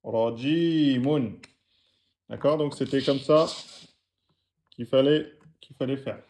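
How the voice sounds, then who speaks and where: A man goes over students' written exercises, patiently sounding out each letter and vowel mark. He speaks slowly and deliberately, with a warm, mellow tone. His voice sits in an ordinary middle register. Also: mid-range voice, fairly even intonation, a little hiss or hum. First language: French-speaking audience. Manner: patient, slow, spelling out letters and vowels aloud. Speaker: Arabic teacher.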